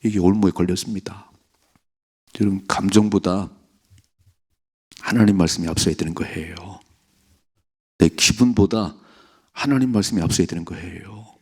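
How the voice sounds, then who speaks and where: Gravelly low-voiced pastor preaching. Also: male voice, normal speed, pauses often, darkish tone. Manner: earnest preaching, acting out quoted voices. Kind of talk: sermon.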